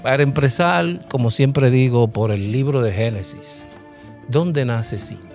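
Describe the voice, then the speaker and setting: A man's voice: mid-range voice, unhurried, over loud music. A man hosting an interview, asking questions and rephrasing them. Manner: inquisitive, repeats questions. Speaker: interview host. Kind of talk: conversational interview.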